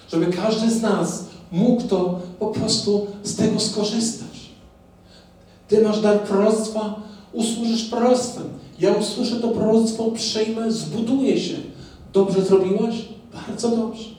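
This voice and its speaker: A man with a high, mellow voice preaches slowly to his congregation in a church hall. He keeps throwing rhetorical questions at the listeners and draws call-and-response replies. The sound is very echoey and picked up from a distance. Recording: very echoey, from far off.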